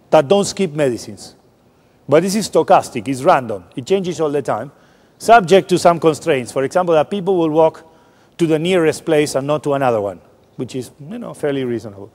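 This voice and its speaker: This man's voice sits on the high side with a darkish tone, and the recording carries a long hall reverb. He is delivering a public science lecture in a large hall, speaking informally and frequently starting his sentences over.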